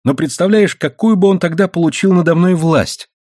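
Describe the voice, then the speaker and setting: Calm, wry young man in an audiobook, read by a man: easygoing, dry, husky. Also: high voice, brisk, no room sound, pitched above the performer's own voice. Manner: easygoing, dry, laughing off danger. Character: young man, calm, stubborn and wryly amused.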